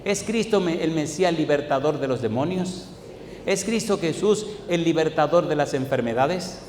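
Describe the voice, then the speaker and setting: A man's voice: a little high, expressive, moderate pace, darkish tone. A man preaching in an echoey hall. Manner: preaching with repeated rhetorical questions to the congregation; storytelling from his own life. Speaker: pastor. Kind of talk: sermon. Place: church hall. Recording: echoey hall, faint background noise.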